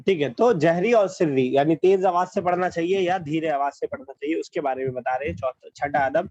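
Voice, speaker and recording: A man's voice: fairly high pitch, a little mellow, no room sound, dull audio. A man teaching an online class, explaining patiently over a video call and repeating key phrases.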